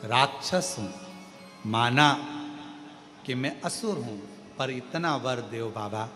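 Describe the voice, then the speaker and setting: A soft pleading demon, as a male preacher puts him on. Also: fairly even intonation, takes it slowly, close to an everyday voice. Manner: soft, low and begging. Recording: reverberant hall with faint music.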